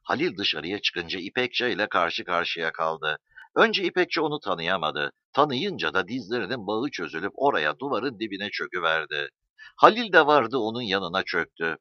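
A man narrating a story as an audiobook reader, in an expressive storytelling manner. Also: low-pitched, normal speed, no room sound. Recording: dull dry recording.

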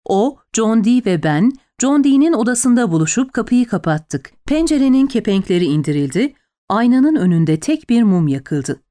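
A woman reading a historical novel aloud in the first person, dramatic and expressive. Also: a little high, moderate pace. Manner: expressive, lively storytelling. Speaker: audiobook narrator.

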